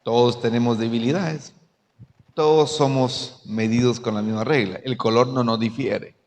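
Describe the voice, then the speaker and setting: A man, a pastor telling a story with animated, acted-out dialogue in a church panel talk. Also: medium pitch, normal speed, long reverb tail.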